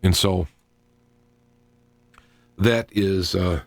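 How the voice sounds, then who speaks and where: A middle-aged man hosts an informal solo talk radio show in a low-pitched voice, thinking aloud in a halting, digressive way. The recording has no echo.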